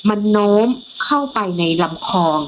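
A middle-aged woman from Thailand tells a ghost story from her own life in a lively way. She acts out the voices of the people in it. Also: moderate pace, slight background noise, low-quality recording. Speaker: guest storyteller.

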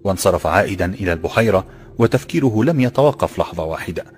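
A man narrating an audiobook in steady, formal classical Arabic. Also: low-pitched, fast talker, faint music behind.

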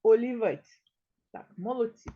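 A woman teaching a small-children's lesson in a slow, sing-song way, stretching words out and sounding them out one by one. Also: on the high side, dull audio. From Ukraine. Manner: drawn-out, sound-by-sound word pronunciation. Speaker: kindergarten teacher.

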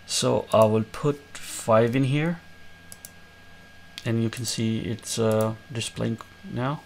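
A man hosting a screen-recorded coding tutorial, explaining each step in a relaxed way with many fillers. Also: medium pitch, slow, creaky, slight background noise. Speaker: tutorial host.

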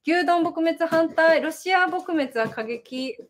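A young woman from Japan talks casually on her home livestream with a high voice. She reads viewer comments aloud and laughs easily. She fills her talk with many little fillers. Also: slow pace, a little hiss or hum. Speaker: livestream host, idol. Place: home in Sendai.

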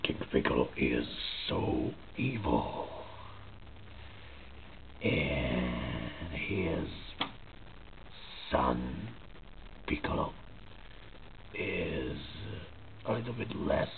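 A man with a very deep, gravelly voice talks slowly from behind a face mask, halting and often dropping to a whisper. The sound is thin and tinny, like a phone line, with faint noise underneath. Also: very animated. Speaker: vlogger showing a costume mask. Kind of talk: casual show-and-tell.

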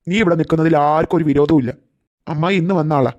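A man's voice: on the high side, fast talker, darkish tone, dull audio, close to an everyday voice. An actor voicing a kindly, protective old grandfather in a cartoon, firm and reassuring. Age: older.

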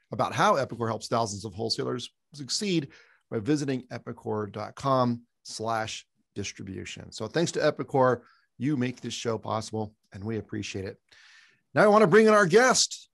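A man's voice: mid-range voice, no room sound. A man co-hosting a business webcast, joking with his partner and reading a sponsor message in long lists. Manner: jokey, reads ad copy in long lists. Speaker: podcast co-host.

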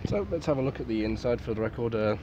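A man's voice: medium pitch, quick pace, dull audio. A man giving a casual, unscripted review, with understated delivery, swearing and muttered asides. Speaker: military surplus gas mask reviewer. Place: outdoors in a garden at night. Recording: clearly noisy outdoor recording.

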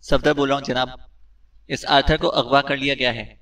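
A man voicing a male field agent who reports crisply and dutifully over a radio set. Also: medium pitch, steady tone, fairly bright tone, distant mic, close to an everyday voice, rough recording.

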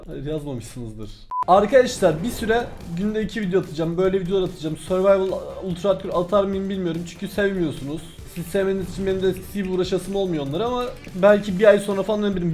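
High, rapid-fire young man gaming. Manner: excitable, swears casually and talks straight to viewers. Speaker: gaming YouTuber. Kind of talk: casual gameplay commentary.

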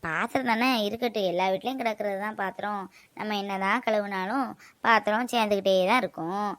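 A woman's voice: brisk, no room sound, lightly acted. A woman voicing a young headstrong but loving daughter about to marry, with a raised, pleading voice. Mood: defiant. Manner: pleading, high and bright.

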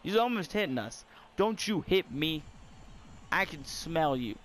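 A young man giving casual, excitable commentary while playing a baseball video game and talking to his viewers. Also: fairly high pitch, unhurried, a little hiss or hum. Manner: excitable, talks to viewers and the screen. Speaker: gamer.

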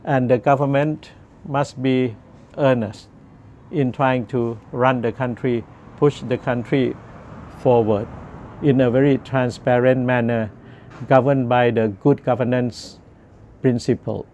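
A man in his sixties with a Thai accent gives earnest political commentary in deliberate short phrases with pauses, speaking into a lapel mic. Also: mid-range voice, fairly even intonation, a little mellow, muffled recording. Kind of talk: measured monologue commentary to camera. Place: outdoors on a garden bench. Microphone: lapel microphone. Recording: outdoor ambient noise.

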